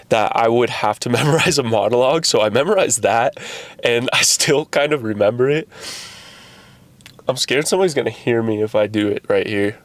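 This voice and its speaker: A man's voice: medium pitch, no echo. A young man vlogging to camera in a rambling, self-deprecating way, asking the viewer questions. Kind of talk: casual vlog talk to camera.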